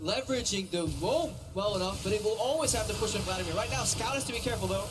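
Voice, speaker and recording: High-voiced male esports analyst over music. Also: quick pace. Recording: music under the voice.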